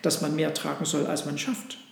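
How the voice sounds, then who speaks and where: A man's voice: a little high, flat delivery, normal speed, gravelly. A man voicing a humble, kind little male donkey in a storybook reading, in an earnest, eager manner. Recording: roomy echo.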